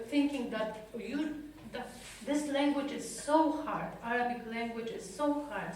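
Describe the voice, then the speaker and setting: Telling her story to an audience, a European woman therapist speaks slowly in a slightly mellow voice on the high side, stumbling as she hunts for words in a second language. The setting is a talk room at an institute, captured by a far-off mic with strong echo and faint hiss.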